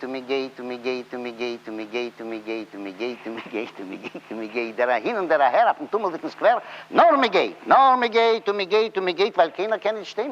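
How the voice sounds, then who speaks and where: A man with a Yiddish accent reciting a comic song-poem in a rhythmic, sing-song chant, full of playful repetition. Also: a little high. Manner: lively, playful, repeats phrases with rising excitement. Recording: dull lo-fi recording.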